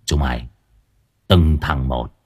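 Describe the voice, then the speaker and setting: A man voicing a thuggish male street tough who talks with low, growling gangster swagger. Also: slow pace, exaggerated voice. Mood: stern.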